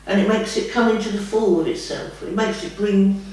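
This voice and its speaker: Talking a little fast in a slightly mellow, medium-pitched voice, a woman serves as a trance medium in a spiritual guidance session with a casual feel. She rambles homely answers and calls the listener "lovey," heard from far away in a very echoey room.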